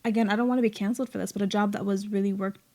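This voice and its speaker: A woman's voice: mid-range voice, steady tone, rapid-fire, dark tone. A young woman co-hosting a podcast in casual chat, speaking chattily and often trailing off mid-sentence. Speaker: podcast co-host.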